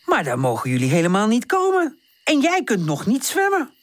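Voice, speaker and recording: A woman's voice: huge pitch swings, normal speed, dry recording. A woman voicing a caring, motherly aunt in a children's storybook. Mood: worried. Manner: warm exclaiming, raised pitch. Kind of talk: storybook character voice.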